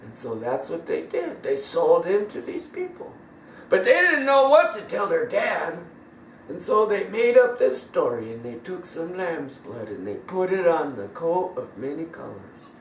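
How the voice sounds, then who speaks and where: A man tells a children's bible story in a casual, emphatic way. His voice is high and swoops widely as he talks slowly. He sounds far from the mic in an echoey room with faint noise behind. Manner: animated, emphatic, casual grammar.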